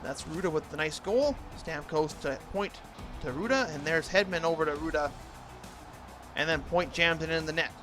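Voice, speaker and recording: A man's voice: on the high side, normal speed, music in the background. A man doing play-by-play hockey commentary for a video game, imitating a TV sports announcer's delivery. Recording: noisy, game sound throughout.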